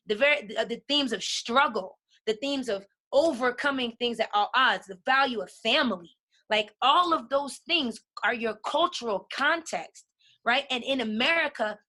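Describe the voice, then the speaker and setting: A woman's voice: a little high, bright, forceful tone. A woman guest on a podcast, talking passionately and emphatically, often checking in with "right?". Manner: emphatic, keeps asking "right?". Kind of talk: passionate conversation.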